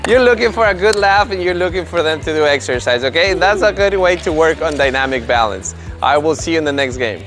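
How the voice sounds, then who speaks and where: A man in his thirties with a fairly high voice leads a children's tennis lesson. He switches between explaining drills to parents and calling out upbeat, encouraging commands to the kids. Faint music plays under his voice on a large indoor court. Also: fairly quick, hardly any pauses, a bit bright. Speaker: tennis coach. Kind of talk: instructional video narration.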